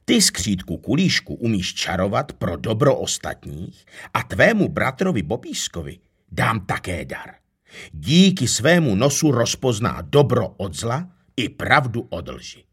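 A man reading a children's storybook, voicing a kind old male mist spirit who speaks gently and wisely. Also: lowish voice, sing-song, husky, heavily acted. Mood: gentle wise. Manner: gentle, wise, smiling storyteller tone.

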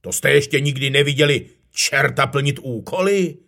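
A man reading a children's storybook, voicing a grumpy but good-hearted male devil who talks gruffly and slowly. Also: mid-range voice, a bit bright, voice pushed up.

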